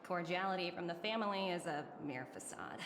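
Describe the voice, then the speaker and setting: A woman's voice: lowish voice, expressive, fairly quick, a crowd in the background. Commanding young female manager. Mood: businesslike. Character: businesslike, authoritative young female corporate manager in a game. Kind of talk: video game voice acting.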